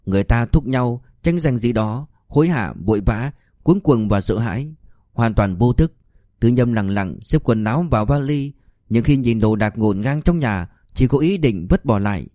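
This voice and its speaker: Male narrator, mellow tone, measured expressive reading, dry close sound. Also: mid-range voice, dry recording. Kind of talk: audiobook narration.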